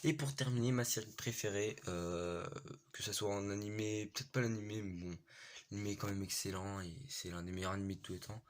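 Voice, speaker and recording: A man's voice: lowish voice, fairly even intonation, a little fast. A young man with a congested, blocked-nose sound from a cold, chatting casually as he shows his manga collection in a vlog. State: has a cold with a stuffy nose. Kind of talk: casual vlog chat, rambling collection tour. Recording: noisy amateur home recording with clicks.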